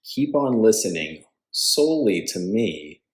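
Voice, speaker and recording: This instructor leads a guided yoga nidra meditation in a lowish voice, speaking slowly and calmly and leaving pauses between his phrases.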